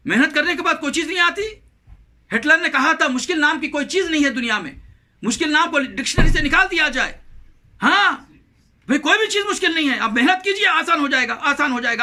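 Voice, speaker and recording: A man preaching a Ramadan sermon in a scolding, exhorting way, who repeats phrases for emphasis and slows into melodic recitation of verses. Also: very high voice, pushed and bright.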